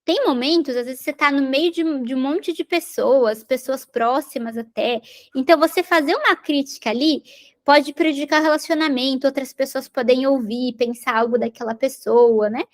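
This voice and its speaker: Brief: woman, parenting educator, high voice, explanatory lecture tone. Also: normal speed. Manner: explanatory, repeats and rephrases points, tag questions. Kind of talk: recorded lecture on parenting skills.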